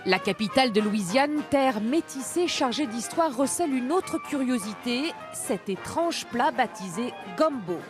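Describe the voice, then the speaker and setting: A woman's voice: a little high, animated, unhurried, hardly any pauses, over music. A woman reporter reading scripted narration for a television news report.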